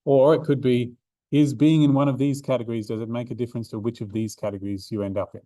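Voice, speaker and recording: Guy tutoring stats in a classroom, lots of ums, mid pitch, pretty dry sound. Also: little pitch movement, quick pace, mellow, dry recording. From Australia. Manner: chatty, many ums and restarts. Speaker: maths tutor. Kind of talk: revision seminar lecture. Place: university classroom.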